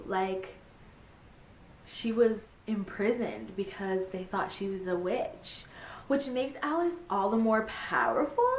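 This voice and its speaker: A young woman talking casually about a book she read, gushing and animated, full of "like" and fillers. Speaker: book vlogger. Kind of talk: casual book review chat. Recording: echoey room, faint rumble.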